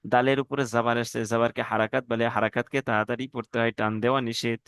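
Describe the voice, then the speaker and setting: Male teacher, smooth clear voice, dry close sound, drills letter-by-letter spelling. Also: mid-range voice, level tone, fairly bright tone, dry recording. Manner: spells out letters slowly, syllable by syllable; addresses students politely as brothers. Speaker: Quran reading teacher. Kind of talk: online class instruction.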